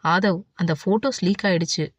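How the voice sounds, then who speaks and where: A woman voicing a loyal young man, the hero's calm best friend, speaking in a soothing way. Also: high-pitched, normal speed, no room sound. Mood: placating. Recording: dull, dry audiobook recording.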